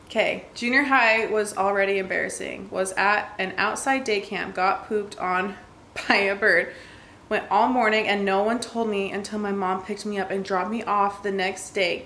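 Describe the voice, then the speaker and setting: A woman's voice: medium pitch, fairly bright tone, slight background noise. Chatty woman vlogger, echoey room. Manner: chatty, laughs often, many "like" fillers. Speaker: vlogger reading viewer stories. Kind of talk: casual vlog chat, reading aloud.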